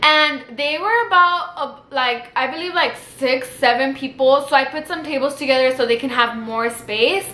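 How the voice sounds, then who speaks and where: A young woman from South Texas tells a casual storytime in a chatty way, with "like" after nearly every phrase. Her voice is high and bright. The room around her is echoey. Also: normal speed, few pauses. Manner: chatty, filler-heavy with constant "like". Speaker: vlogger.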